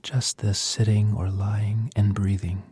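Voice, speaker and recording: A man leading a guided breathing meditation in a soft, gentle, half-whispered voice, leaving pauses between short phrases. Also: fairly low pitch, flat delivery, slightly rough, no echo.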